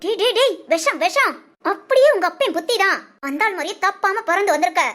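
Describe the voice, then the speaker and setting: A woman playing a sharp-tongued young mother who nags and scolds her family in a short drama. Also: very high voice, animated, brisk. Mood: scolding. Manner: nagging, cutting scolds.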